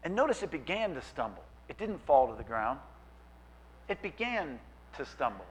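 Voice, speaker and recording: A man preaching a sermon as pastor, animated and acting out quoted voices. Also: on the high side, moderate pace, low-quality recording.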